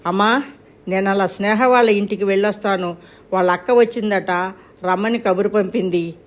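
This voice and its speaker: A woman's voice: mid-range voice, moderate pace, close to an everyday voice. Woman reading as an earnest young daughter, about to marry, pleading, storybook reading. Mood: quiet.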